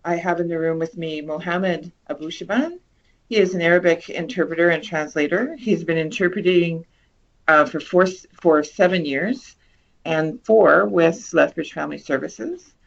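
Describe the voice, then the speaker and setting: A woman's voice: lowish voice, moderate pace, creaky. A woman hosting an informal event and introducing the next speakers. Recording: dull, muffled online meeting audio.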